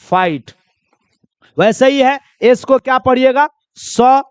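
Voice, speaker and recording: A man's voice: extremely high pitch, fairly even intonation, a little slow, clean tone, no echo. A man teaching a spoken English lesson to students he calls children. He asks each question and then answers it himself. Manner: repeats questions and answers them himself, coaxing.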